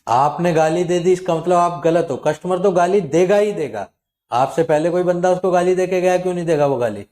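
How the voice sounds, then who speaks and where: A man hosting his channel, talking casually and animatedly to viewers and acting out callers' lines in quick quotes. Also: sits high, darkish tone. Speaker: channel host advising viewers on loan recovery calls. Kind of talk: casual talk to camera.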